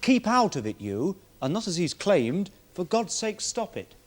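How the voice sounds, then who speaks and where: An actor playing a barrister who cross-examines a witness with pointed questions in a 1970s television courtroom drama. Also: male voice, high-pitched, very animated, unhurried, heavily acted. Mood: probing.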